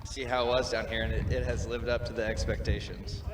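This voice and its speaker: A male pitcher answering interview questions in a relaxed way with lots of fillers. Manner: quick, relaxed, filler-heavy. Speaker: baseball pitcher. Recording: distant mic, noisy echoey field.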